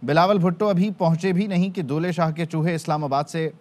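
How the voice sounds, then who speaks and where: A man's voice: a little high, steady tone, fairly quick, a little mellow. Man reading a news bulletin. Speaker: news anchor.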